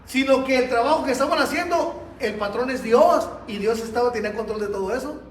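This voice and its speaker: A man's voice: extremely high pitch, a little fast, a little hiss or hum. A man preaching a Sunday school sermon in a church, telling stories with animation and speaking straight to the congregation. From Mexico. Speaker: pastor. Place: church hall. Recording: echoey church room, mic at a distance.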